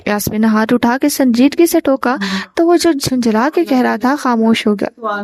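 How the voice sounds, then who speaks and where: A woman reads a novel aloud in a steady, even storytelling manner. Her voice sits fairly high, and the sound is dry and close to the mic. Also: no room sound. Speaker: audiobook narrator.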